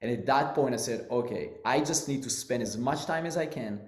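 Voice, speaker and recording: An Israeli-accented man, a guest who owns a business, answers an interview by telling his story at a fairly quick pace and medium pitch. He's earnest and loosely phrased, with non-native grammar, and the room echoes noticeably.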